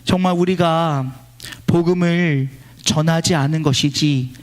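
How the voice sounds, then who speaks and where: A male pastor preaching at a church service, leading a line-by-line scripture reading and swinging between loud exclamations and quiet storytelling. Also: fairly high pitch, measured pace. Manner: exclaims praise lines loudly, then drops to quiet storytelling. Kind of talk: sermon.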